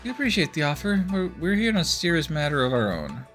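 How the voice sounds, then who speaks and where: A man's voice: on the high side, big pitch swings, quick pace, a bit bright, voice pushed up. Brief: a man raising his voice into a polite young woman agent, earnest, game music faint behind. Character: composed young female secret agent.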